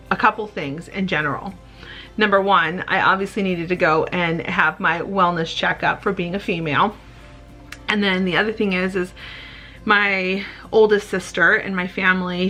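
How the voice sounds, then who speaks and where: Bright-voiced candid woman vlogger, late 30s. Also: lowish voice. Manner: rambling, open, tender, with small laughs. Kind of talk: candid personal vlog.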